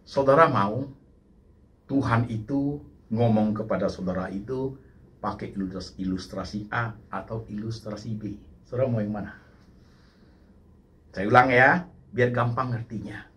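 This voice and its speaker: A man preaching a sermon to a congregation, animated and sprinkling in English words. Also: lowish voice, measured pace, pauses often. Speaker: pastor.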